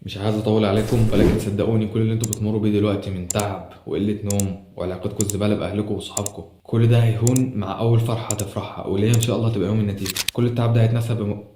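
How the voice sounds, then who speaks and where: A man's voice: fairly low pitch, flat delivery, very fast, warm tone. A young Egyptian man with an Egyptian Arabic accent, telling an earnest, emotional personal story as a student vlogger, with frequent restarts. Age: young adult. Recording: roomy echo with faint noise.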